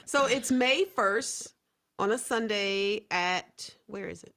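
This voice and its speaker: A woman's voice: mid-range voice, takes it slowly, a bit bright. A woman hosting a radio talk show, chatting playfully and teasing her guests. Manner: playful, teasing, laughs often. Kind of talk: casual radio interview chat.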